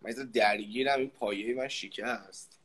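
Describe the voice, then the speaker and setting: A man hosts an interview and asks an expert questions. He talks informally and stops now and then on hesitant fillers. His voice sits at a middle pitch. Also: steady tone, a bit bright, breathy edge.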